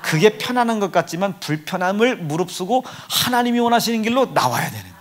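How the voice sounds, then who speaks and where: A man's voice: sits high, sing-song, fairly quick. A man preaching a sermon in a church sanctuary, acting out biblical figures with comic voices, dropping to whispers and rising to outbursts. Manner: acts out disciples in dialect, shifts between whispers and loud outbursts. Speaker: pastor.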